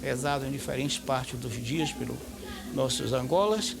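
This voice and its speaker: A man with a Bahian accent, explaining in a measured way in a documentary interview. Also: mid-range voice, vocal fry, heavy background noise.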